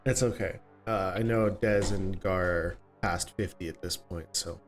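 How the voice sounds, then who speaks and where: A man's voice: low voice, steady tone, measured pace, soft background music. A man in his late twenties hosting and running a tabletop game, chatting casually with many fillers. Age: late 20s. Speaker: game master and host. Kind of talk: casual chat.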